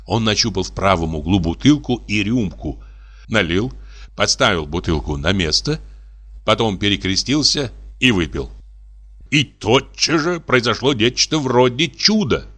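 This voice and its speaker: A man narrating a story in an expressive, dramatic storytelling manner. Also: fairly low pitch, unhurried. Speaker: audiobook narrator. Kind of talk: scripted narration.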